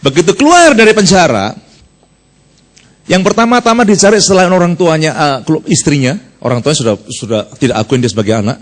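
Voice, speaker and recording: A male pastor preaching at a church service in a lively storytelling manner. His voice sits fairly high and swings widely in pitch as he keeps turning to the congregation. He acts out sound effects and makes playful asides as he goes. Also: fairly quick. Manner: animated storytelling, often addresses listeners as "saudara". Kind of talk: sermon.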